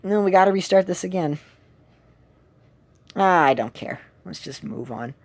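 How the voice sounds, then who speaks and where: A woman's voice: lowish voice, expressive, unhurried, darkish tone. A woman streamer chatting casually while she plays a game, rambling and often correcting herself. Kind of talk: casual chat while gaming.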